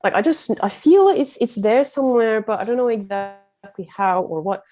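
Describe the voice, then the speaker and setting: A woman's voice: fairly high pitch, lively intonation, moderate pace, mellow, faint music behind. A woman from Turkey, a guest coach, speaking earnestly and reflectively in a casual conversation with many fillers.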